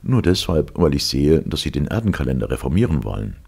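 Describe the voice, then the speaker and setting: A man with a gravelly, husky voice voicing a young lieutenant who teases politely. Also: a bass voice, big pitch swings, brisk, a little mellow, exaggerated voice. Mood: teasing. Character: young male lieutenant, amused.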